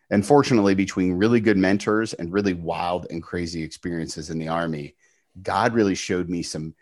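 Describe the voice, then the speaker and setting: A middle-aged man, a podcast guest, telling his faith story in an earnest, animated way with emphatic bursts. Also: sits low. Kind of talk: storytelling testimony.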